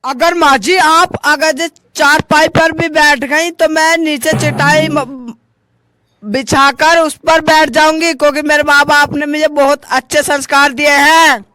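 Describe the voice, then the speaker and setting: A man voicing a sharp, prim young daughter-in-law in a comic sketch. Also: very high voice, fairly even intonation, unhurried, slight background noise, exaggerated voice. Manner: prim, insistent.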